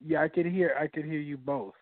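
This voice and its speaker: A man's voice: on the high side, steady tone, brisk, dry recording. Man on a tinny phone line. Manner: repeats himself, plainly checking what he hears. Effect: thin phone-line sound. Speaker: caller testing a phone connection.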